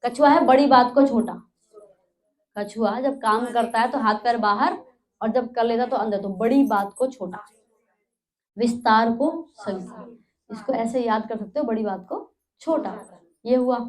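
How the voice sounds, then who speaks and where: A woman's voice: a little high, unhurried, long pauses. A woman giving a spiritual lesson to a class, telling a story and quizzing listeners with repeated recaps. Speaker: spiritual teacher. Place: in front of a class.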